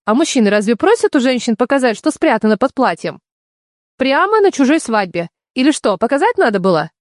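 A male audiobook reader voicing a quick-tongued, stubborn young bride who fires back defiant retorts. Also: very high voice, very animated, no room sound, studio quality, voice pushed up.

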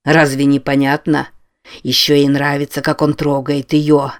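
A sly, oracular bull mask speaks in a slow, low drone, as a man puts it on for an audiobook. Its delivery stays flat and unhurried, all knowing insinuation. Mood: sly, mocking.

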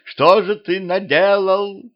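A wailing, fussing middle-aged wife, as a male reader puts her on, her voice pushed up high and full of lament. She frets and sobs through her words. It comes over a muffled, lo-fi home recording. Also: normal speed, natural voice.

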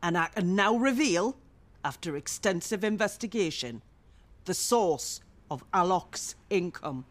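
A woman's voice: on the low side, animated, unhurried. A woman acting a nosy neighbour who fancies herself a detective, smug and theatrical. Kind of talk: sitcom acting.

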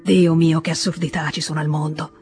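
A reader voicing a drunk, frightened, volatile grown man in an Italian audiobook reading, with excited pleading outbursts. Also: medium pitch, fairly quick, soft background music, natural voice. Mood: agitated.

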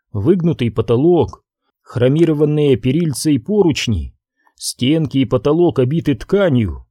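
A male audiobook narrator reads a hardboiled crime novel at an unhurried pace. His voice is mellow and his intonation rises and falls with expression. It is recorded close and dry. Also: medium pitch, slightly rough, dry recording. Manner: measured, expressive reading. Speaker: audiobook reader. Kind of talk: scripted narration.

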